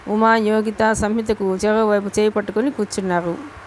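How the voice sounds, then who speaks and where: A woman's voice: medium pitch, level tone, normal speed, a little hiss or hum. A woman narrating a romance novel as an audiobook, telling the story steadily and sometimes restarting a word. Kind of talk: reading a Telugu novel aloud.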